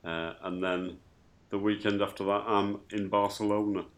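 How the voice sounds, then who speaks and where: A man hosting a casual live radio show, speaking haltingly and often trailing off mid-phrase. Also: fairly low pitch, flat delivery.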